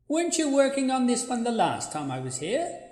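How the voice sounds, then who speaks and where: A woman's voice: fairly high pitch, big pitch swings, a little fast, a little mellow. A woman voicing the blunt, sulky ghost of a plain young woman, with curt, needling replies in a radio play. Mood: deadpan. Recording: echoey, roomy sound.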